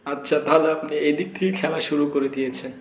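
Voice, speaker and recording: A man playing a cheeky father in a comic sketch, twisting everything said to him with deadpan wordplay. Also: a little high, fairly quick, slight background noise. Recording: echoey room with faint ambience.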